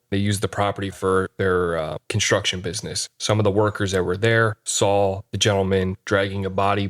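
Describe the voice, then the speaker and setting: A man speaking as a paranormal investigator, giving a plain-spoken, matter-of-fact account in a casual conversational style. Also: fairly low pitch. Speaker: paranormal investigator, podcast guest.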